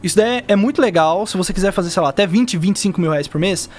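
Young male Brazilian podcast guest, high voice, rapid casual slangy delivery, explaining by example. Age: young adult. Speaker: podcast guest, digital marketer. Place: indoor podcast studio. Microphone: dynamic mic on boom arm, close.

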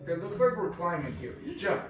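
A man's voice: high voice, sing-song, a little fast, slight background noise. A man giving casual play-by-play commentary on a game, calling out each jump and move in short bursts. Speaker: gameplay commentator. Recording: echoey room, far from mic, game music.

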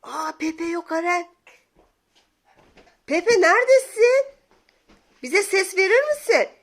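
A young woman, a mother, talking playfully to viewers and her toddler in an animated, coaxing, exclamatory way. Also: very high-pitched, slow. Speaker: mother playing with her child on camera.

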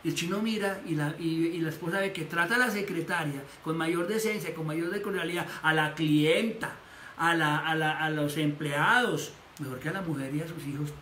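Bright-voiced preaching man, echoey room. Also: fairly high pitch, moderate pace. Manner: animated preaching, acts out quoted voices. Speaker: pastor. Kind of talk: sermon. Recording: echoey room with faint noise.

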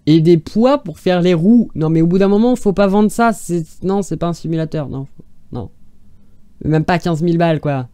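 A YouTuber tears into silly classified ads with exasperated sarcasm, rambling and restarting mid-sentence. The voice is mellow and warm in tone. It is recorded dry and close on a desk mic. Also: medium pitch, moderate pace, smooth, no echo. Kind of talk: mocking commentary on screenshots.

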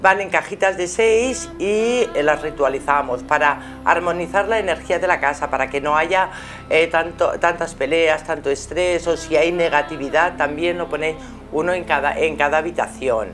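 A woman's voice: sits low, normal speed, fairly bright tone. A middle-aged woman with an accent from Spain, speaking affectionately as she gives spiritual advice to a caller as host of a live show. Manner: affectionate, addressing the caller with endearments. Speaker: spiritual guide hosting a live call-in show. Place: small TV studio with curtains. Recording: music playing behind the voice.

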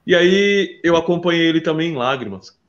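Guy artist in an interview, lively storytelling, kinda high voice, muffled lo-fi sound. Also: moderate pace. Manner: lively storyteller, calls listener "brother". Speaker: interview guest, visual artist. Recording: dull lo-fi sound.

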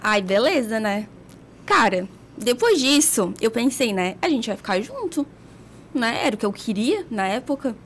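A woman's voice: fairly high pitch, sing-song, moderate pace, slight background noise. A woman from Brazil, a podcast guest, telling a personal story in a frank, blunt way with laughs between lines. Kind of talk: candid confessional storytelling.

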